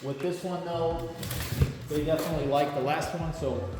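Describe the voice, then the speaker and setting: A man's voice: a little high, moderate pace, noisy background. A man casually walking viewers through an unboxing, recorded on a camera mic in a big echoey garage. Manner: relaxed, chatty, explanatory. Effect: big echoey room sound from a garage. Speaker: product reviewer. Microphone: camera mic, lapel mic dead. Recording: echoey garage with music behind.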